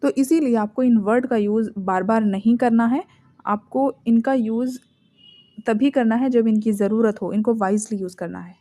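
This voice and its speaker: Indian woman teaching English, mellow voice. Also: fairly high pitch, fairly even intonation. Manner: slow, deliberate reading of English example sentences. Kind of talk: Hindi-language spoken English lesson.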